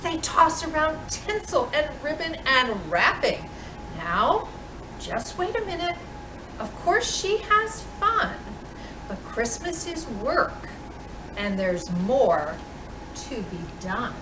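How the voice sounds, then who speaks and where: A woman playing Mrs. Claus reads a children's picture book aloud, unhurried and expressive, with deliberate dramatic pauses. Her voice is high-pitched, and the distant mic in a roomy space picks up clear background noise.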